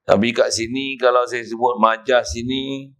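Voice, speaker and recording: A middle-aged man with a Malaysian Malay accent giving a kitab lesson in a prayer hall, telling stories and loudly demonstrating chanted recitations. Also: medium pitch, fairly even intonation, normal speed. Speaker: religious teacher.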